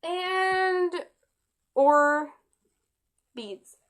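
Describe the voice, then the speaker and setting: A woman giving a casual step-by-step craft tutorial, chatty and halting with frequent restarts. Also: extremely high pitch.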